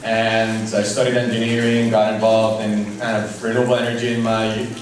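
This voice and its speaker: A man's voice: lowish voice, little pitch movement, a little fast, slight background noise. A young man from Puerto Rico giving a friendly speech at a charity event, laughing at himself now and then. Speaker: charity representative. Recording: echoey, far from the mic.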